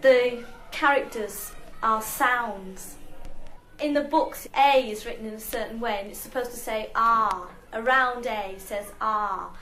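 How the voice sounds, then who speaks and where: A woman's voice: on the high side, unhurried, pushed and bright, reverberant, poor audio. A woman earnestly explaining how a reading method works in an interview.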